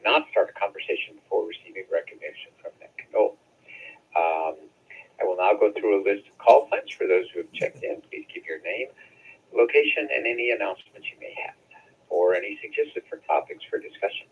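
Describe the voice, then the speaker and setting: Low husky guy running a ham radio net, staticky radio sound, thin phone-like band. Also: expressive. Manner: halting, with fillers and self-corrections. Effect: heard over a two-way radio with static. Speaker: amateur radio net control operator. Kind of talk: reading a net script over the air. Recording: narrow-band radio transmission.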